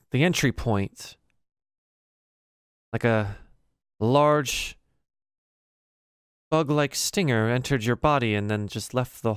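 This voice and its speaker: A practical elf woman tends the wounded in a tabletop fantasy game, acted out by a man. The delivery is calm, hesitant and matter-of-fact, at a middling male pitch in a dry recording. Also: smooth, dry recording. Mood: puzzled. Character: calm practical female elf field medic.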